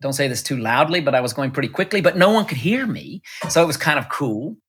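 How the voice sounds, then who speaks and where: A man's voice: on the high side, lively intonation, fast, fairly bright tone. A man giving an interview, chatting through stories with many restarts and fillers. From United States. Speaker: interview guest, electric car executive. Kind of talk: casual storytelling interview. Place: Munich.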